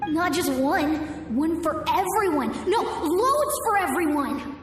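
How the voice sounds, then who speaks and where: A woman's voice: high-pitched, expressive, slow, noisy background. An actress voicing a cheeky, ambitious little boy in a video game, boyish and brash. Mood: brash, playful. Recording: echoey, distant flashback reverb over music.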